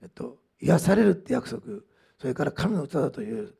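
A man's voice: a little high, expressive, brisk, gravelly, dark tone, husky. A man preaching a sermon in a conversational way, with frequent asides and fillers as he tells a testimony. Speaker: pastor.

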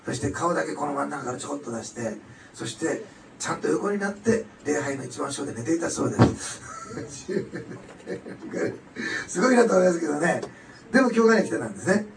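A man preaching a sermon, animated and emphatic, swinging between loud declarations and soft asides. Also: on the high side, brisk, gravelly, long pauses, distant mic, slight background noise. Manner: animated, rising to loud emphatic passages then dropping soft. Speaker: pastor. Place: church hall. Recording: echoey hall, mic some way off.

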